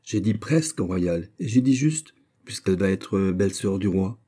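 A man voicing a proud, sharp-tongued young lady-in-waiting who answers back firmly in a storybook reading. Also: deep voice, animated, normal speed, slightly rough. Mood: defiant. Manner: firm, retorting.

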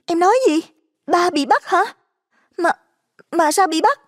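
A distraught young daughter from the southern countryside, put on by a male narrator in a piercing high falsetto. She pleads and frets with a Southern Vietnamese lilt, sounding a little distant from the mic, as in a spoken ghost-story audiobook. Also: fast. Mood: anxious.

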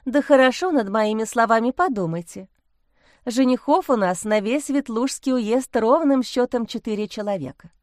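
A woman voicing a shrewd, motherly priest's wife who talks in a brisk, folksy, persuasive way. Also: fairly high pitch, animated, a little mellow, no echo, clean studio sound, natural voice. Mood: confiding.

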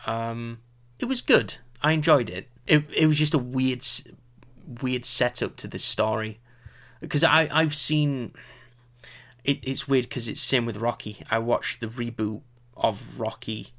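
Casting note: male podcast co-host, wry and understated, bright forward voice. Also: medium pitch, unhurried. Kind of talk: casual chat.

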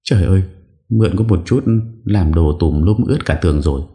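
A man's voice: fairly low pitch, moderate pace, dark tone, pitched above the performer's own voice, close to an everyday voice. A man voicing a young female hotel worker who scolds impatiently. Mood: scolding. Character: young woman hotel worker, sharp-tongued.

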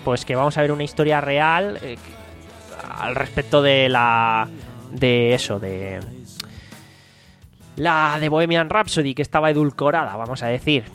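A man co-hosting a podcast, telling the news in a relaxed, drawn-out way. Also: fairly high pitch. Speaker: podcast co-host. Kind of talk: casual podcast chat, reading news.

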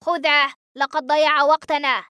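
A woman's voice: sits high, little pitch movement, normal speed, bright, forceful tone, dry recording, clean studio sound, pitched above the performer's own voice. A woman voicing a cold, ruthless male rebel general who gives curt orders. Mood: cold commanding. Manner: curt, commanding.

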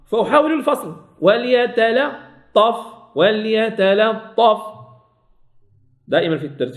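Male recitation teacher, Moroccan accent, slow repeated demonstrations, fairly high voice. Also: roomy sound. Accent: Moroccan Arabic. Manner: slowly drawn-out demonstrations, repeating words. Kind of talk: teaching lesson.

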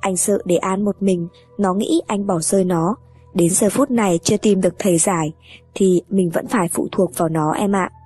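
A woman voicing a worried young husband who talks in a halting, apologetic way in an audio horror story. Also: high-pitched, fairly even intonation, darkish tone, husky, soft background music.

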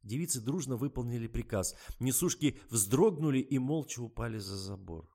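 A man's voice: medium pitch, expressive, normal speed, mellow. Man, audiobook reader, scripted narration, wry, ironic.

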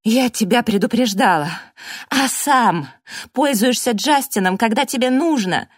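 A woman voicing a furious, sharp-tongued young woman in an audiobook, scathing and loud. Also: fairly high pitch, expressive, unhurried, breathy edge, no echo, studio quality, voice pushed up. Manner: shouting, scathing.

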